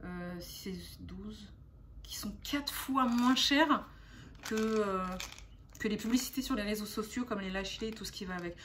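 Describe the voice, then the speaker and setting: Young woman vlogger, casual haul chatter full of fillers, mid-pitched voice, faint hiss in the background. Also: moderate pace, a bit bright. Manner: chatty, hesitant with frequent fillers. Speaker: beauty vlogger.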